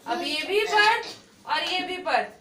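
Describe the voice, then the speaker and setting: A woman with a very high, bright voice teaches a class patiently, asking questions and checking that everyone follows. She is recorded from a distance in an echoey classroom with faint background noise. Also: lively intonation, a little slow. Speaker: English teacher. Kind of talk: classroom lesson.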